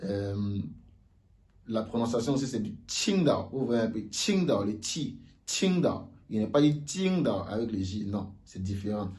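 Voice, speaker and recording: A man giving a casual video lesson on Mandarin sounds, slowly repeating each sound aloud for learners. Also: fairly low pitch, animated, darkish tone. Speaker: Mandarin teacher.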